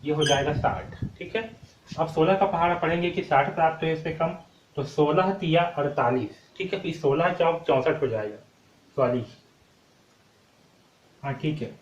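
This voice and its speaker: A man's voice: on the high side, normal speed, pauses often. A male maths teacher working through a problem step by step, asking himself questions and checking in with "ठीक है" all the time. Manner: repeats questions and answers them himself, frequent "ठीक है" checks. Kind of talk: step-by-step board lesson. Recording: echoey room, distant mic, muffled sound, noisy.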